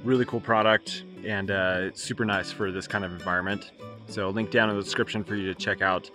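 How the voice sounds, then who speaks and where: A man's voice: fairly low pitch, steady tone, brisk, music in the background. A man vlogging at an outdoor campsite, casually walking through his camping gear with loose, rambling speech and fillers. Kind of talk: casual gear walkthrough vlog.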